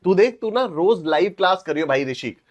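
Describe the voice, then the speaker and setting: A young man teaching a live online class, energetic and playful, teasing students and mixing in English phrases. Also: high voice, normal speed. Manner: mixes Hindi and English.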